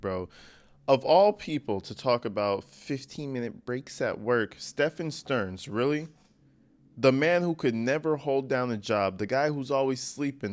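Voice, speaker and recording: Blunt, slangy man giving emphatic commentary. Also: medium pitch. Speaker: host of a true-crime commentary show. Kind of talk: informal opinionated commentary.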